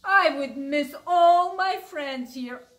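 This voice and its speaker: A woman's voice: high-pitched, slow pace, fairly bright tone, poor audio. A woman voicing an anxious female cart horse in a children's story, in a worried, pleading way.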